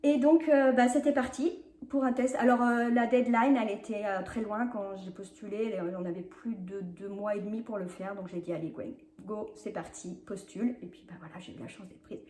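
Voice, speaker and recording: A woman hosting a knitting vlog, chatting in a hesitant, filler-heavy way as she shows her projects, sometimes rushing and apologizing for talking fast. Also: medium pitch, steady tone, a little mellow. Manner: chatty, hesitant with many fillers, laughs often. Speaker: knitting podcast host. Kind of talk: casual knitting vlog chat. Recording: echoey home room.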